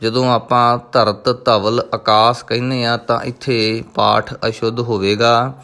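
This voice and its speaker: A man teaching the correct pronunciation of scripture, reciting each verse slowly and then explaining patiently. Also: mid-range voice, flat delivery, sharp tone.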